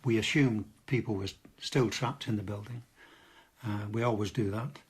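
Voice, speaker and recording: An older man, a retired fire officer, gives a steady, matter-of-fact account in an interview. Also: on the low side, normal speed, slightly rough. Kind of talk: interview recollection.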